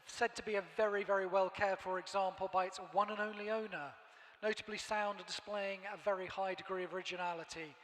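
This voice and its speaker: A man reads out auction lot descriptions as the announcer. His voice sits high but stays level, with a formal, measured catalogue delivery. It rings through a large, reverberant hall. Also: steady tone, fairly bright tone.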